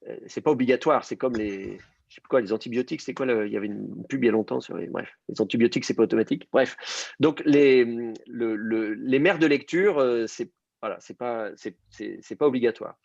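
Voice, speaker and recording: A man's voice: mid-range voice, brisk, creaky, darkish tone, no room sound, lo-fi sound. A man teaching an online class, explaining patiently with many fillers and restarts. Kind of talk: online class on biblical Hebrew.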